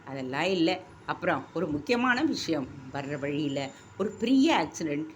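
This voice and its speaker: Lady reading as a sad tired wife, low and subdued. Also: sing-song, moderate pace, slight background noise. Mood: sorrowful. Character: sad, troubled young wife.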